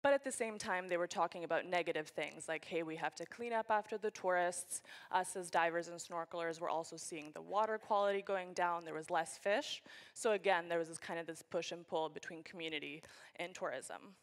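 A young Canadian woman gives a keynote on a conference stage in a large hall, holding a handheld microphone. Her voice is on the low side and she speaks briskly.

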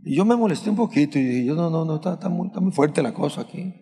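A man preaching a sermon as pastor, questioning the congregation and rising to shouts at the peaks. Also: a little high, expressive, fast talker. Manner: rises to shouting at climaxes. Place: large church sanctuary. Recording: long hall reverb from a church.

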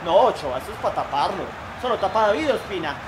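Very high-voiced excitable Colombian man. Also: fast talker, background noise. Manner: excitable, shouts and groans at the game. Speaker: gaming YouTuber. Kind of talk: excited live gameplay commentary.

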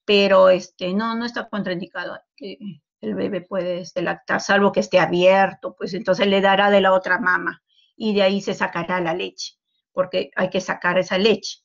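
A woman giving a university medical lecture, explaining calmly and tagging her sentences with a questioning "no". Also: medium pitch, moderate pace, vocal fry, dull audio. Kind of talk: university lecture over a call.

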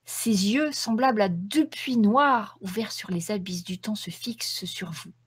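A woman's voice: mid-range voice, unhurried, husky. A woman game master narrating a tabletop role-playing game in a descriptive storytelling manner.

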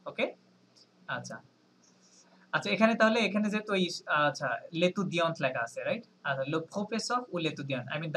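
A man teaching a French lesson on a video call, explaining slowly, spelling words letter by letter and often checking in with his students. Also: sits high, fairly bright tone, slight background noise, poor audio. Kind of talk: online language lesson.

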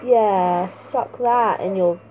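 A young woman giving playful, excitable let's play commentary and talking back at the game as she plays. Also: medium pitch, slow pace. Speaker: gaming channel host. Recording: tinny phone-like mic sound.

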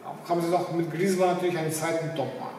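A middle-aged man gives unscripted football commentary to camera, haltingly, searching for his words. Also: on the high side, fairly even intonation, darkish tone. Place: indoors, echoing room with display banners. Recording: echoey room, distant mic, faint noise.

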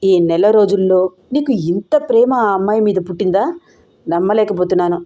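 A woman's voice: medium pitch, normal speed, mellow, lo-fi sound, lightly acted. A woman voicing a blunt, mocking young male friend in an audio story.

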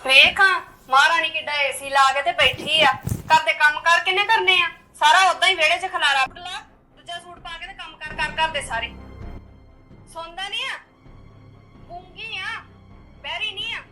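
A woman's voice: very high-pitched, unhurried, long pauses, bright, forceful tone, roomy sound, faint music behind, exaggerated voice. A woman playing a bossy young wife in a family drama, defensive toward her mother and sneering at her sister-in-law.

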